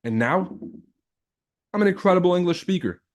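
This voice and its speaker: The trading livestream host, a man from Lebanon who grew up speaking Arabic and French, talks in a high-sitting, animated voice at a moderate pace. He chats casually with his live viewers, boastful and slangy, with plenty of swearing.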